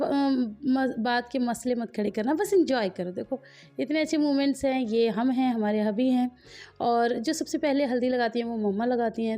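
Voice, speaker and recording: A woman's voice: sits high, warm tone. A woman vlogger in a chatty voice-over, talking straight to her viewers and quizzing them as she narrates family wedding footage.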